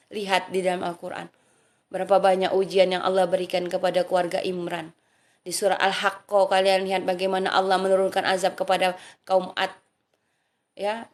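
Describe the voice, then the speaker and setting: A woman giving an earnest, informal religious talk, softly reciting prayer phrases along the way. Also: medium pitch. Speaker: religious speaker.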